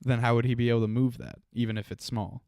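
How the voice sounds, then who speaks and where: A man's voice: medium pitch, little pitch movement, fast talker, creaky, a little mellow, no echo, studio quality. Easygoing man in casual movie chat. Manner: easygoing, laughs often, teasing. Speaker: podcast co-host.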